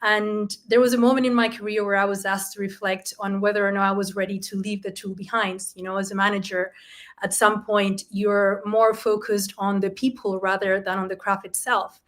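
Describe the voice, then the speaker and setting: A woman's voice: medium pitch, little pitch movement, moderate pace, fairly bright tone. Female panelist from Chile, earnest and thoughtful. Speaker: design leader, panel guest. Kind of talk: panel discussion.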